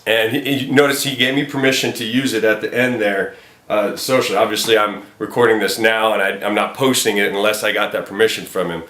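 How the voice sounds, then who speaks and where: Lowish, fairly bright and fairly even in intonation, the man's voice moves a little fast amid roomy echo. He speaks as a film director casting an actor, informal and encouraging, on a casual call and addressing viewers.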